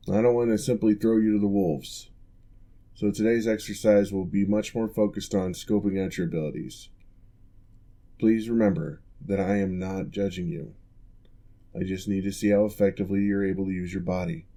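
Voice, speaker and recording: A man acts out an ASMR roleplay as a composed male orc who left generalship for physical therapy. His voice is slightly low and mellow with fairly even intonation, and he speaks formally, at a measured pace, to reassure.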